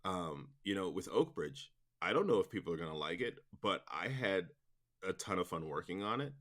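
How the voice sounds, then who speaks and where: An audio drama producer, appearing as an interview guest, rambles informally and enthusiastically about his work. His voice is low and sing-song with a fairly bright tone, and he talks at a moderate pace.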